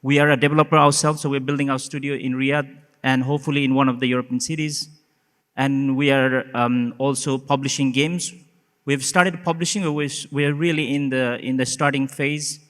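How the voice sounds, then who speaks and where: A man's voice: medium pitch, little pitch movement, brisk, fairly bright tone, clear, resonant tone. A man from Nepal introducing himself on a conference panel, chatty and self-deprecating. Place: conference hall. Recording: reverberant conference hall.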